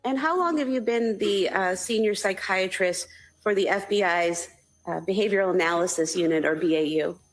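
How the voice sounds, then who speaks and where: A woman's voice: medium pitch, normal speed. Woman attorney questioning a witness. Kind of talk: formal courtroom questioning. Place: courtroom.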